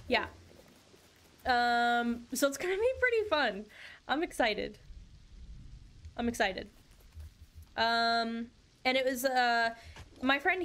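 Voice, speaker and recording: A woman's voice: a little high, fairly bright tone. A young woman streaming a game, chatting casually with viewers in a bubbly, chatty way and laughing often. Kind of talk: casual live-stream chat.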